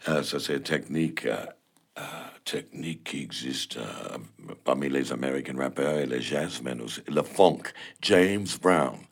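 A man speaking French with an English-speaking accent as a non-native speaker, answering interview questions haltingly and searching for words. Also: extremely low pitch, vocal fry, breathy edge.

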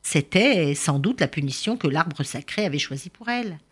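A woman storyteller reading a folk tale aloud for children in an expressive, animated way. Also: sits low, moderate pace, husky.

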